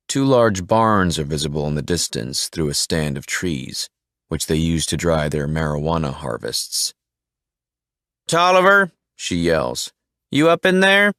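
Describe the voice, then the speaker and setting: A man narrating a thriller audiobook in a steady, measured way. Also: deep voice, no room sound, clean studio sound.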